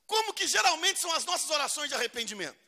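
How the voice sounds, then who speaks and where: A man's voice: very high-pitched, big pitch swings, rapid-fire, pushed and bright. A male pastor preaching a humorous sermon in a church, acting out prayers in voices. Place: church hall. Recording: long church reverb.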